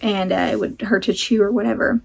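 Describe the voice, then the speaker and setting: A woman's voice: medium pitch, steady tone, a little fast, gravelly, darkish tone, husky. A woman chatting casually to camera as a vlog host, rambling and self-deprecating, talking with a sore jaw that slightly restricts her mouth.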